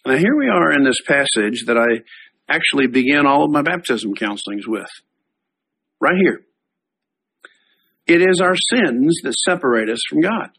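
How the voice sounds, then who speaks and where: A middle-aged man, a pastor, preaching a sermon, reading scripture slowly and then explaining it in a conversational way. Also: mid-range voice, lively intonation, gravelly, fairly bright tone, slightly rough, rough recording.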